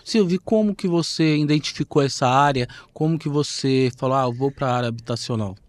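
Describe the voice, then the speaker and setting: Male podcast host, mid-pitched, friendly and chatty, dry close mic. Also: fairly quick, dry recording. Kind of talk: casual interview chat.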